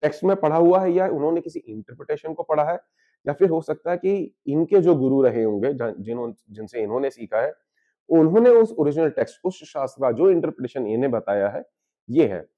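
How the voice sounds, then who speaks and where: This astrologer's voice sits on the high side, with lively intonation, a fairly quick pace and a dark tone, though the audio is dull. Explaining spiritual matters, he moves freely between Hindi and English, slipping in English terms and frequently answering his own questions.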